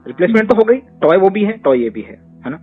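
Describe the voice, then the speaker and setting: A man's voice: high-pitched, very animated, brisk, breathy edge. A man answering questions as a therapist, making his points emphatically with rhetorical questions. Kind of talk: conversational Q&A advice. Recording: tinny phone-line audio with faint music.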